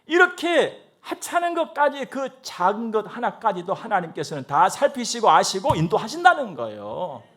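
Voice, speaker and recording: A man's voice: sits high, moderate pace, few pauses. A male pastor preaching a sermon in a church, acting out little dialogues and sometimes dropping to a whisper. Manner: animated, acts out dialogue, drops to whispers. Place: church sanctuary.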